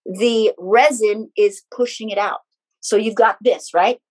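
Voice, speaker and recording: A woman speaking as an interview guest and healing practitioner, explaining things conversationally in halting steps with restarted phrases. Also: medium pitch, fairly even intonation, rough recording.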